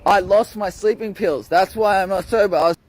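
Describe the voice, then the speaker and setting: A young Australian man streams while drunk, looping through the same complaints and cursing constantly. His voice sits high for a man. He rambles and repeats himself, with a loose, slurred delivery. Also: a little fast. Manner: rambling, repetitive, swearing. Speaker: livestreamer. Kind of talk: live-streamed rant.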